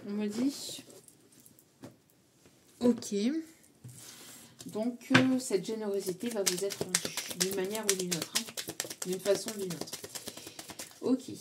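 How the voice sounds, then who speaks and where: A woman's voice: medium pitch, takes it slowly, long pauses, very noisy. A woman giving a tarot reading to her viewers, hesitant with many fillers, passing on what her guides tell her and chuckling between playful asides. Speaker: tarot card reader. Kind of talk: spoken tarot reading to camera.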